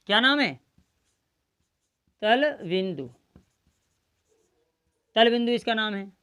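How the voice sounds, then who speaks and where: A woman's voice: fairly high pitch, expressive, takes it slowly, fairly bright tone, clear, resonant tone. A woman teaching Hindi pronunciation in a classroom style. She asks her own questions, answers them, and spells out the letter sounds one by one. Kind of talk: slow classroom-style lesson.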